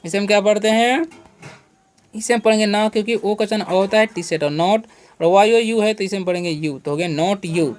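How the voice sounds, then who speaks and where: Male teacher-host, beginner English lesson: patient and repetitive, spells words out, asks and answers his own questions, keeps checking "okay". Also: sits high. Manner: asks rhetorical questions and then answers them; fills pauses with a checking "okay".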